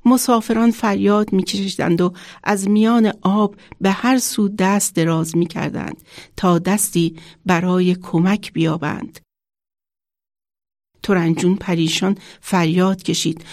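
A woman children's author reads her own story aloud in a measured, expressive way. Her mid-pitched voice has a slightly gravelly grain. The recording is close and dry, with no room sound. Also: no echo.

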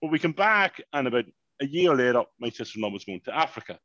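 A man, telling a long, animated story in casual podcast chat and swearing freely. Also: mid-range voice, fast, no echo, dull audio. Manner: animated, swears freely, repeats "mayhem" and "unbelievable". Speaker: podcast co-host.

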